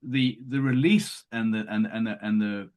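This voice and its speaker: A man's voice: lowish voice, steady tone, moderate pace, darkish tone. A man hosting a podcast, talking earnestly and often restarting his sentences. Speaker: podcast host. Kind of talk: conversational podcast chat.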